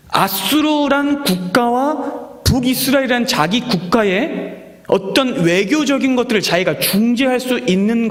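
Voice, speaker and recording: A man preaching an expository sermon, animated, acting out quoted voices and dropping to whispers. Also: very high voice. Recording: echoey hall with long reverb.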